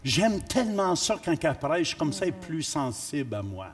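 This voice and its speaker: A man preaching a sermon in church, emphatic and teasing, rising at times to shouts. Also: fairly high pitch, very animated, normal speed, crowd noise. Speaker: pastor.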